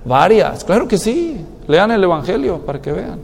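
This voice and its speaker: A male pastor preaching a sermon in an animated way, acting out quoted people as he goes, recorded in a church hall with a long echo. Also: high-pitched, normal speed, vocal fry. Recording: long reverb of a large hall.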